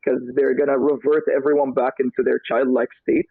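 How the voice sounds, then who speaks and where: A man's voice: medium pitch, fairly quick, creaky, slightly rough, no echo. A young man co-hosting a casual podcast chat, talking in a loose, rambling way. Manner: rambling, relaxed, fillers like "like". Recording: thin phone-like sound.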